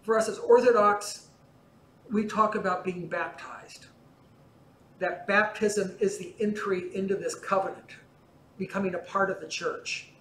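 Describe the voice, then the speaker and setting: An older man with a fairly high voice teaches a parish class inside a large church in front of icons, explaining in a relaxed, conversational way and gesturing as he goes, a little slowly. A distant camera picks up his voice echoing through the space, with a faint hum underneath.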